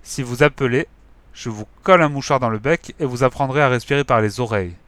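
Storybook read-aloud, man voicing male smuggler thug, mocking, slangy, mid pitch, dry close sound. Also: a little fast, a bit bright, no room sound, natural voice. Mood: sneering.

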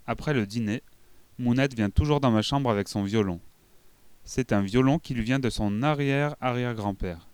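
A man reading a children's book aloud in an expressive storytelling manner. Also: mid-range voice, moderate pace, clear, resonant tone, dry recording. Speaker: audiobook reader. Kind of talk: scripted narration of a children's book.

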